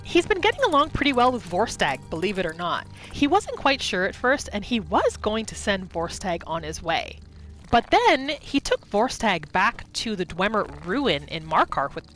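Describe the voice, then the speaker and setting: A woman with a mid-range, slightly bright voice hosts a gaming video, narrating her roleplay playthrough in the third person. Her storytelling is chatty and informal.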